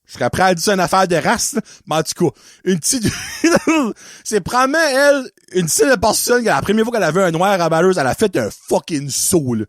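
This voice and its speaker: Brisk and high-pitched with big swings in pitch, this Acadian French-accented podcast host chats casually, swearing freely and rambling into tangents. The sound is clean studio audio with no room sound.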